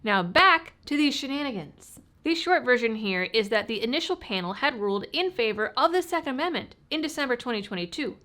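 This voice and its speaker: A woman's voice: fairly high pitch, lively intonation, fairly quick, hardly any pauses, bright, forceful tone. A woman hosting a news commentary channel, speaking informally and a little lispy, with stitches in her mouth after recent oral surgery. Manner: informal, wry asides. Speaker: host of a gun-rights news channel. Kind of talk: scripted news commentary to viewers.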